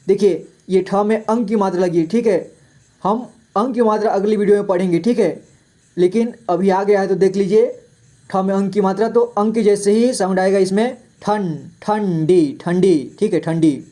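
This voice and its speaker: A man's voice: high voice, normal speed, warm tone. A male teacher giving a reading lesson, saying each word twice and patiently explaining the vowel signs. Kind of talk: Hindi reading lesson for children.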